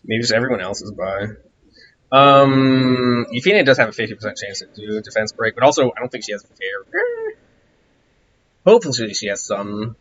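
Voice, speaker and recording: A man streaming a game, rambling distractedly through casual commentary while he grows hoarse and loses his voice. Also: medium pitch, a little fast, fairly bright tone, muffled recording, a little hiss or hum. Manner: rambling, distracted, musing aloud.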